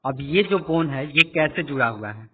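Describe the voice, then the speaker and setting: Brief: male teacher, somewhat high voice, repetitive explanatory lecture style, phone-quality sound. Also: animated, normal speed, husky. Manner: explanatory, repeats points and quizzes listeners. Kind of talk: classroom lecture with screen annotation. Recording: tinny phone-like audio.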